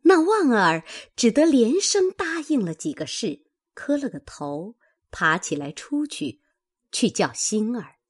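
A woman narrating a classical novel with expressive, dramatic storytelling. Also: a little high, unhurried, breathy edge.

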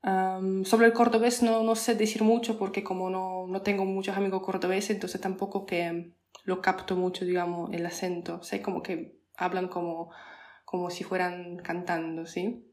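A woman's voice: on the low side, little pitch movement, moderate pace, a little mellow. Polish woman, podcast guest, hesitant and filler-heavy, roomy echo. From Poland. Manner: hesitant, many fillers and restarts, explains patiently. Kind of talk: casual interview chat.

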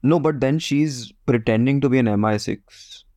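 A young man in casual film-review chat, measured and wry, mixing in Hindi phrases. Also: mid-range voice, warm tone, dry recording. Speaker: film podcast co-host.

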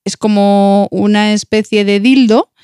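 A woman's voice: medium pitch, fairly even intonation, unhurried, warm tone, clean tone, dry recording, studio quality. A woman co-hosting a podcast, talking frankly and laughing often. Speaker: podcast co-host. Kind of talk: casual chat.

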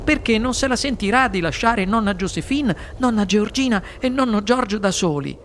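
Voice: mid-range voice, animated, normal speed, a little hiss or hum, close to an everyday voice. A storyteller voicing an earnest, eager young boy in a children's audiobook. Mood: worried. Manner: eager, pleading.

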